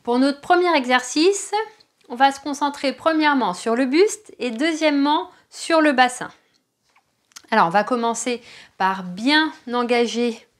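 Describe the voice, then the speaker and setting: Slow-paced French woman teaching dance. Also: high-pitched. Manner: counts and calls out moves rhythmically. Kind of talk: online dance class instruction.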